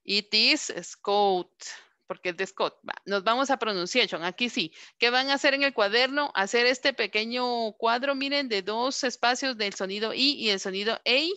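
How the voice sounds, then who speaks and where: A woman teaching a class, repeating words slowly and asking questions over and over. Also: on the high side, pushed and bright, smooth, no echo. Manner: slow, drawn-out word modelling and repeated questions. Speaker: English teacher. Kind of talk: online class instruction.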